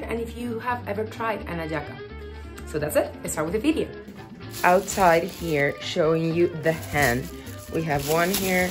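A woman in her thirties with a Venezuelan Spanish accent, a native Spanish speaker, chatting casually to her phone camera as a cooking vlogger and explaining as she goes. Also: mid-range voice. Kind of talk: casual vlog. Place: bedroom indoors, then kitchen.

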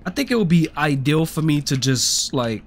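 Streaming indoors, this young man talks through his gameplay in a sing-song voice on the high side at a moderate pace. His commentary is casual and full of slang, with frustrated grumbling, swearing and frequent "bro"s aimed at listeners.

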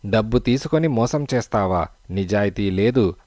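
A man's voice: fairly low pitch, expressive, moderate pace, a little mellow, no echo, studio quality, natural voice. A man reading the part of an angry, menacing male killer in an audiobook, speaking threateningly.

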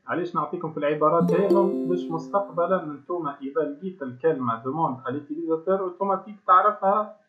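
Tunisian guy teaching over a crappy laggy video call, talks fast, kinda high voice, sounds thin like a phone. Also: gravelly. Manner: explains step by step, keeps asking the class questions. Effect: choppy, low-quality online stream audio. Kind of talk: online class lesson. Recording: tinny low-bandwidth online call audio.

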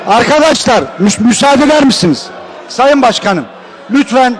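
A man chairing a council session, repeatedly asking the room to calm down and let him speak. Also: extremely high pitch, moderate pace. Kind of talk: calling a meeting to order. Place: large council chamber indoors. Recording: council hall with crowd murmur.

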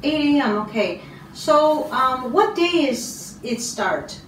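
A middle-aged woman from Canada, an English teacher giving a speaking test, slow and encouraging with many ums and throat clears. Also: high voice, very animated, a little hiss or hum. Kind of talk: slow, patient test interview. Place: small classroom office, indoors. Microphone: far camera. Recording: roomy, distant camera sound.

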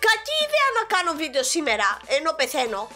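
Young female gamer, sore-throated but animated, shrieking at her game over quiet music. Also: high voice. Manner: excitable, exclaiming at the game. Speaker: gaming YouTuber. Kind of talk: gameplay commentary.

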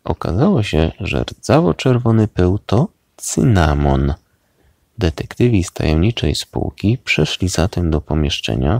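A man with a deep, gravelly voice reads a bedtime story slowly, his pitch rising and falling a lot. The sound is close and dry, with no room around it. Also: dry recording. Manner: slow, expressive storybook reading.

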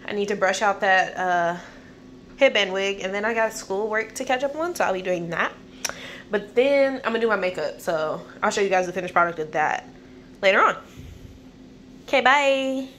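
A woman's voice: medium pitch, fairly bright tone, a little hiss or hum. A young woman vlogging casually about her day, in chatty, slangy talk with casual swearing, recorded on a phone camera. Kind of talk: casual vlog chat. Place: home and car.

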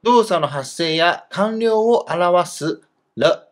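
A man's voice: high-pitched, animated, slow pace. A man teaching a Chinese grammar lesson in Japanese, explaining patiently with fillers.

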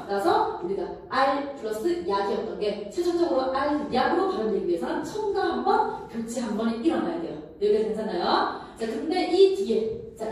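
A woman's voice: sits high, darkish tone, a little hiss or hum. A woman teaching a grammar lesson to a class, often checking in with her students. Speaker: Korean language teacher. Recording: echoey room, from a distance.

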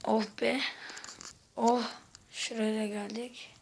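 A woman giving casual gameplay commentary, exasperated, swearing and shouting out at the game while chatting to her viewers. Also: fairly high pitch, level tone, takes it slowly, gravelly, slight background noise. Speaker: gaming video host.

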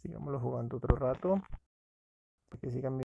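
A man's voice: mid-range voice, a little fast, vocal fry, dark tone, husky, no echo, lo-fi sound. A man casually narrating a screen-recorded app walkthrough, talking to viewers as friends. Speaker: app reviewer.

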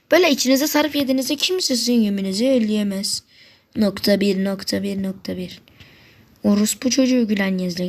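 Woman, gameplay commentary, fairly high-pitched, excitable, foul-mouthed, occasional whispers. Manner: excitable, swears a lot, talks to opponents; drops to a whisper at times. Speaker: gamer.

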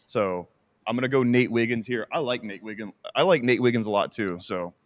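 A man's voice: mid-range voice, a little fast, dry recording. A man co-hosting a casual sports podcast, easygoing and prone to repeating himself. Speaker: podcast co-host.

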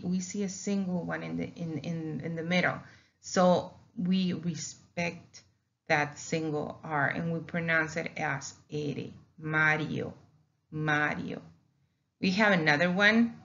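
Patient teacher, woman, speaks slowly, repeats sounds for students, muffled recording. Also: on the low side, vocal fry, fairly bright tone. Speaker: Spanish teacher. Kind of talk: slow classroom lesson narration over slides.

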